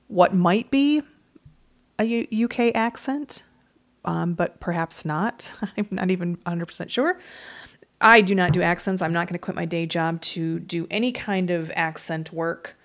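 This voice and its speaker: A woman's voice: lowish voice, unhurried. A woman in her forties from Michigan hosting a casual solo podcast, frank and self-deprecating, swearing freely. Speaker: podcast host and author.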